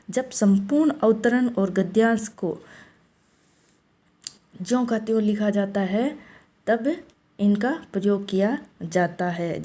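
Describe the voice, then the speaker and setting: A woman giving a classroom-style grammar lesson, explaining step by step and slowing down to read out example sentences. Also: mid-range voice, dark tone. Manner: explains step by step, often saying "look". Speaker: teacher.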